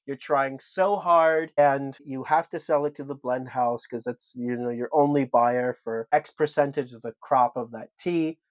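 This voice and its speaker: With a mid-range voice, a little slow and with few pauses, a man co-hosts a podcast and presses his case emphatically, listing point after point. There's no echo.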